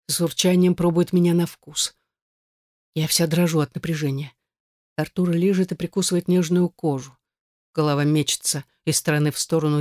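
A man reading a first-person erotic novel aloud in a steady, intimate narration. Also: on the high side, no room sound, studio quality. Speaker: audiobook reader.

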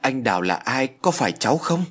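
A man's voice: medium pitch, sing-song, fairly quick, a bit bright. A man voicing an elderly, grieving mother who pleads and wails desperately in an audio story. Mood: distraught. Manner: wailing, desperate.

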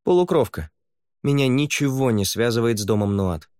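Мужчина-чтец озвучивает суровую, закалённую воительницу-полукровку, говорящую резко и отрывисто. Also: male voice, mid-range voice, animated, normal speed, a little mellow, no room sound, clean studio sound, voice pushed up, close to an everyday voice. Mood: mocking. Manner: blunt and curt. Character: stern, hardened half-blood woman warrior.

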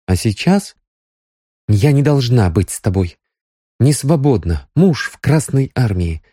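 A man's voice: mid-range voice, lively intonation, a little slow, dark tone, breathy edge, no room sound, clean studio sound, pitched above the performer's own voice. A man voicing a jealous, hot-tempered young woman, bitter and tearful. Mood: reproachful.

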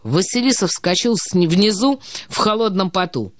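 Woman, audiobook narrator, measured expressive reading, medium pitch, dry close sound. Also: no echo.

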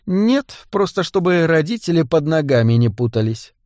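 A man's voice: fairly high pitch, sing-song, normal speed, a little mellow, dry recording. A man voicing a stern, sardonic female nun exorcist in an audiobook, curt and dry.

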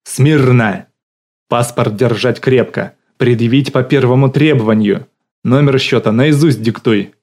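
A man's voice: medium pitch, measured pace, a little mellow. A man voicing a bossy middle-aged woman who swings between syrupy sweetness and barking drill-sergeant commands, in an audiobook. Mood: barking orders.

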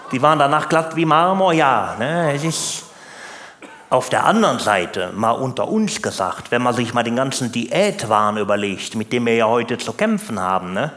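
A stand-up comedian with a slightly high, fairly bright voice performs for a live audience as a grumbling, naive working-class family man, rambling folksily and exaggerating. The recording from the comedy venue stage sounds roomy, with faint background noise.

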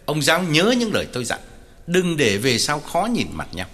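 A man's voice: fairly high pitch, huge pitch swings, moderate pace, big-room sound, music in the background. A man doing a curt, stern village chief. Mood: stern warning. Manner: curt, warning.

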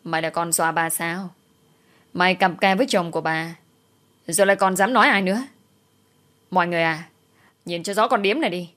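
A woman's voice: on the low side, fairly quick, long pauses, a bit bright, close to an everyday voice. A woman voicing a furious middle-aged woman who screams accusations. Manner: screeching accusations.

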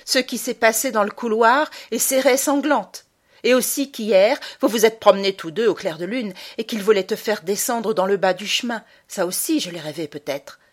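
Woman doing a young boy in an audiobook, high and loud, hurt and defiant. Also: normal speed, lightly acted. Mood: bitter. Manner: high, loud, indignant outbursts. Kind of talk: audiobook character voice.

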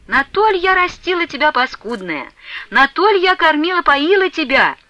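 A woman reading an old peasant mother who laments in a high, wailing voice, in an audiobook. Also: very animated, normal speed, sharp tone, no room sound, lo-fi sound, heavily acted.

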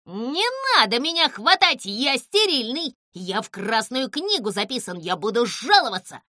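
A woman's voice: fairly high pitch, big pitch swings, sharp tone, dry recording, clean studio sound, heavily acted. A woman reading a storybook aloud, voicing a haughty female owl who thinks herself the smartest bird alive. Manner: slow, haughty, grumbling. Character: haughty grumbling female owl, self-proclaimed writer.

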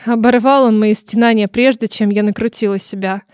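A woman narrating a story in first person, reading in an expressive, dramatic way. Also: on the high side, fairly quick, clear, resonant tone, no room sound, studio quality. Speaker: audiobook narrator.

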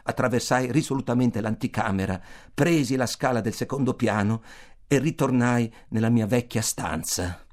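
A man narrating a literary novel as an audiobook, reading expressively and theatrically and sinking to a hushed murmur in darker passages. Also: mid-range voice. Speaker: audiobook reader.

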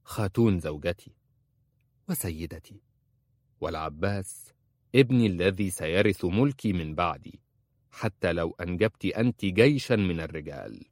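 A man voicing a stern, ambitious emir who speaks slowly and firmly in a storybook reading. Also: sits low, lively intonation, a little mellow, dry recording, studio quality. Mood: guarded.

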